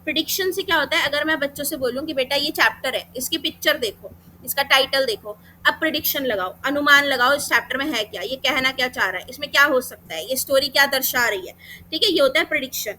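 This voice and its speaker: A woman with an Indian accent teaches an exam-prep class, walking through each step and answering her own questions as she goes. Her voice sits high and sounds bright and clear. A faint hiss runs underneath. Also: fast talker, low-quality recording. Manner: explains step by step, rhetorical questions, frequent "theek hai".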